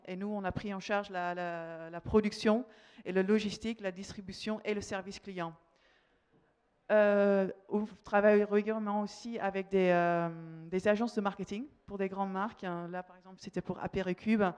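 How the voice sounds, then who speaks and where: Presenting at a conference on behalf of a company, a woman from the Netherlands speaks with a Dutch accent and a hesitant manner, frequently repeating words partway through phrases. Her medium-pitched voice moves little in pitch, runs at normal speed, and sounds a little mellow and clean.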